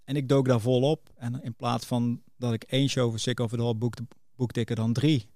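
Middle-aged male podcast guest, mid-pitched, casual anecdotal delivery, dry close sound. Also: level tone, moderate pace, dark tone, no echo. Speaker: podcast guest, music booker. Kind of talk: casual interview, telling career anecdotes.

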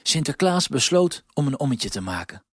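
A man narrating a children's storybook with expressive, clear delivery on a close mic. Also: mid-range voice, moderate pace, no room sound.

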